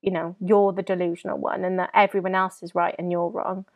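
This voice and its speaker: A woman, talking candidly as an interview guest, halting and full of restarts, tearful at times. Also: fairly low pitch, flat delivery, no room sound, narrow, tinny audio.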